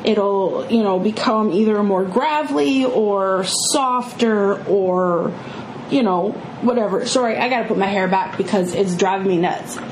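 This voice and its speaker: A middle-aged woman with some vocal fry, chatting casually and emphatically about movies as a review co-host. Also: mid-range voice, unhurried. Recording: echoey room with clear background noise.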